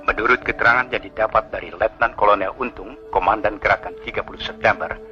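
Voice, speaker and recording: A man from Indonesia reading an official statement in the formal, solemn, measured style of an old 1960s radio news bulletin, like a newsreel announcer. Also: lowish voice, steady tone, pushed and bright. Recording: muffled 1960s archival radio broadcast, music behind.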